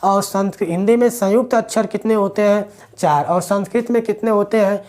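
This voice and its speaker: A man's voice: high voice, brisk, darkish tone. A male teacher, giving a classroom grammar lecture to students. He asks questions and answers them himself, repeating the key words.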